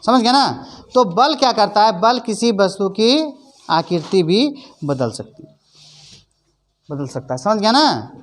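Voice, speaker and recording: In a classroom lesson, a woman teacher explains things in plain, repetitive phrases and often checks that her pupils understand, leading call-and-response recitation. Her mid-range voice is animated but a little slow, with long pauses, over faint background noise.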